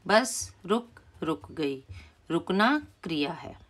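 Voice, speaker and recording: A woman teacher slowly and patiently explaining a primary school Hindi lesson, repeating key words for the children. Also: fairly low pitch, big pitch swings, a bit bright.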